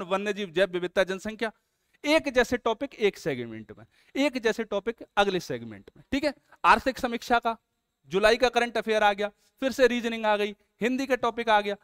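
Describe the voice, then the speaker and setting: A man's voice: high-pitched, fairly bright tone, smooth, no echo, clean studio sound. A man, an exam coaching teacher, walking students through a test series in an earnest, coaxing way. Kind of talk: promotional explainer lesson.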